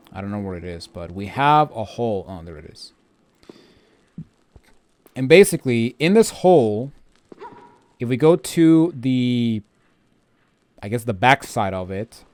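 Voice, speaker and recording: A man hosting a video game walkthrough with casual, rambling, often grumbling commentary. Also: medium pitch.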